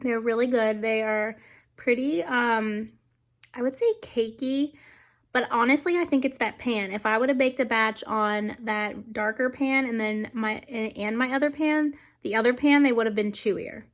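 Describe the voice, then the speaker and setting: A woman's voice: fairly high pitch, normal speed. A young woman, vlogging casually to camera in a chatty, rambling way, with lots of ums. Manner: talking quietly with her mouth full. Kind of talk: casual vlog talk to camera. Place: living room at home.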